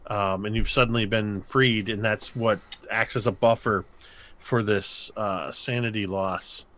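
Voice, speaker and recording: A man narrating a tabletop horror game as game master, slow and measured, with pauses and filler sounds. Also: lowish voice, fairly even intonation, a bit bright, slight background noise. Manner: slow, measured, pausing with ums.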